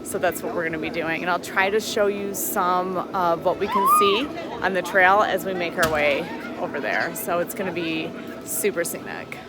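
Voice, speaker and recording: A woman's voice: fairly low pitch, very animated, moderate pace, loud music behind the voice. A woman chatting casually to the camera as she narrates an outing outdoors, given to exclamations. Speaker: travel vlogger. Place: outdoors at a mountain resort.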